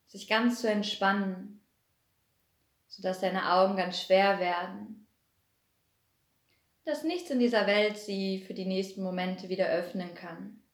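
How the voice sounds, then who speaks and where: A woman leads a guided meditation in a slow, unhurried voice, her pitch sitting in a middle range. Her delivery is soothing and repetitive, drawing each phrase out gently. The recording has a noticeably echoey, roomy sound. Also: steady tone.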